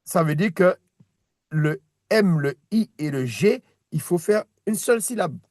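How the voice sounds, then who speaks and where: Male teacher, patient one-on-one explainer, fairly high voice, dry room. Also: expressive, unhurried, darkish tone, no echo. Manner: patient, repeats words, many restarts. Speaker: Hebrew teacher. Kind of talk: one-on-one reading lesson.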